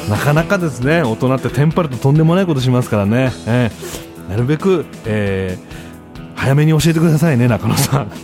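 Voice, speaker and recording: A man hosting a show as a comedian, telling stories in a loud, animated way in a casual monologue. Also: medium pitch, brisk, faint music behind. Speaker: comedian host. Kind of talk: casual radio-style monologue.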